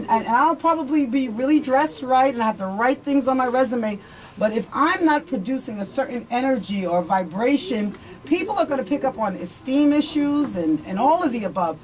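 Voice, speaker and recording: A woman hosting a casual radio talk show, speaking earnestly and often repeating words as she thinks aloud. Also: a little high. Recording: distant mic with crowd chatter.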